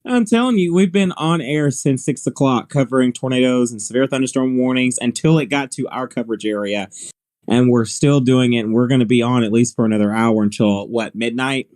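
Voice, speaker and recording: A man's voice: medium pitch, a little fast, darkish tone, no room sound. A man co-hosting a live weather stream, rambling and laughing often in casual on-air chat.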